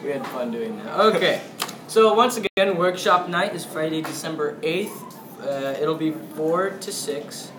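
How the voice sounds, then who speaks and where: A man's voice: on the high side, animated, a little slow. A male co-host reading out school announcements in an informal, conversational way. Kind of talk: casual announcements, reading details. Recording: echoey room, clear background noise.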